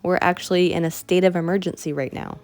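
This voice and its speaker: A woman's voice: lowish voice, fairly even intonation, fast, darkish tone, soft background music. A woman with a Canadian accent, explaining a craft project step by step in a friendly, chatty way. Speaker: craft instructor. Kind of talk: tutorial voice-over.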